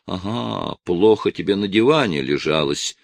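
A man reading an audiobook voices an angry wife, raising his pitch and volume as she nags, sneers and shouts with hatred. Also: big pitch swings, moderate pace, creaky, no echo, heavily acted. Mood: sneering. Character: angry nagging wife, shrill and spiteful.

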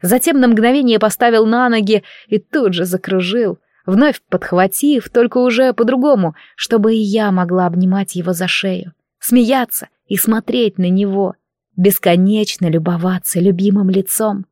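A woman narrating a first-person fantasy audiobook in an expressive storytelling manner. Her voice sits at a middle pitch, and the recording is dry and close. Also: moderate pace, no echo.

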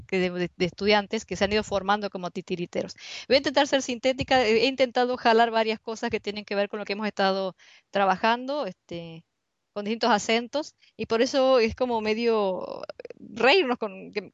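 Speaking through a computer mic on a video call, a university researcher with an Argentine accent presents an online seminar conversationally, hunting for words as she goes. Her voice sits in the mid-range with no room sound, and the call audio is dull and lo-fi.

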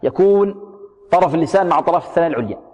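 A man teaching tajweed, repeating words slowly, drilling single sounds, asking and answering his own questions. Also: on the high side, lively intonation, a little mellow. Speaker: Quran recitation teacher. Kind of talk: tajweed lesson on pronunciation. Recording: long hall reverb.

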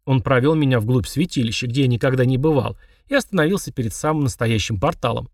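A man's voice: medium pitch, fast talker, darkish tone, no room sound. Man narrating a story, dry and distant. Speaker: audiobook narrator. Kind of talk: first-person scripted narration.

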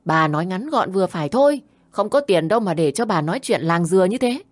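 A woman's voice: on the low side, moderate pace, lightly acted. Woman doing a two-faced daughter-in-law. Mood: hissing. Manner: honeyed on the phone, hissing through her teeth when angry. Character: scheming young daughter-in-law, sweet-talking yet spiteful.

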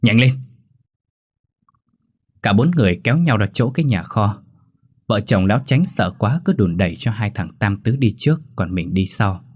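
Husky-voiced man telling a ghost story. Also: on the low side, animated, a little fast, darkish tone, dry recording, clean studio sound.

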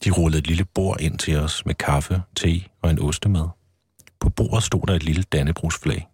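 A man, the author, reading a passage from his own book aloud in a studio in a calm, measured way. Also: rumbling low, husky, no echo. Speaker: author guest.

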